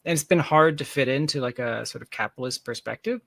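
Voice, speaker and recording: Fast-talking and a bit bright, a man with a creaky, medium-pitched voice is heard with no room sound. He is a software founder appearing as an interview guest, explaining his work candidly and casually with emphatic, self-mocking asides.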